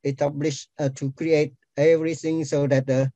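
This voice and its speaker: An older man from Cambodia with a Cambodian accent, telling his life story on a webinar, halting with frequent pauses and fillers. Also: fairly high pitch, level tone, mellow, dry recording, low-quality recording. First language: Khmer. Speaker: panel speaker. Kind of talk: personal testimony on a webinar.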